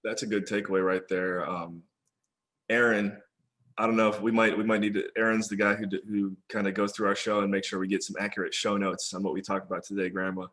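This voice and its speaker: Young adult male host; easygoing, talkative interviewer, slightly low voice. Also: little pitch movement, brisk, fairly bright tone. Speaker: podcast host. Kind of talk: casual interview.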